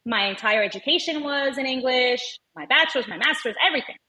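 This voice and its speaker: Appearing as a podcast guest, a woman born in Venezuela and raised in the United States, a native Spanish speaker who works as a language educator and advocate, tells personal stories in conversation, quoting dialogue along the way. She speaks fast in a high, pushed, bright voice. The audio quality is poor.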